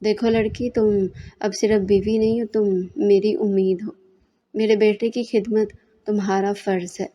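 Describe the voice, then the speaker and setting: A stern older mother-in-law who lays down duties as commands rather than requests, as a woman reads her lines. The voice stays mellow and dark-toned, hard in intent but never raised. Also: medium pitch, normal speed, close to an everyday voice. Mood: commanding. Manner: orders given flatly, little softness.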